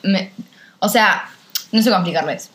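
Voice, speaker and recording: A woman's voice: mid-range voice, a bit bright. A young woman with a Rioplatense accent, co-hosting a casual podcast chat with friends, arguing her points emphatically. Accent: Rioplatense Spanish. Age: young adult. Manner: fast, emphatic, argumentative, keeps asking "¿entendés?". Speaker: podcast co-host.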